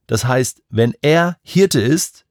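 A man's voice: medium pitch, animated, slow pace, a little mellow, no room sound, studio quality. A man in a devotional Bible discussion, reflecting personally on a psalm with emphatic repetition. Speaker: Bible study speaker.

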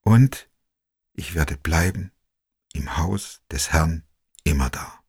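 A man voicing a frail dying old woman who slowly recites a psalm in a faint, croaking voice. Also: sits low, lively intonation, exaggerated voice. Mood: peaceful.

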